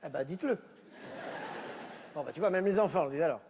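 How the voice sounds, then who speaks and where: A man's voice: a little high, fast talker, in a large hall, background noise. A man performing a comedy sketch on stage, bickering sarcastically with unseen family members over a board game. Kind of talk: stand-up sketch, one-man show.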